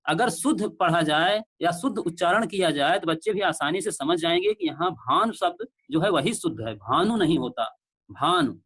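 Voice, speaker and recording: Male lecturer on an online call, high voice, patient and repetitive, checks that students can hear. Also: sing-song, a bit bright, breathy edge. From India. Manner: explains slowly with repeated examples. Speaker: teacher. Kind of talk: online class lecture on pronunciation.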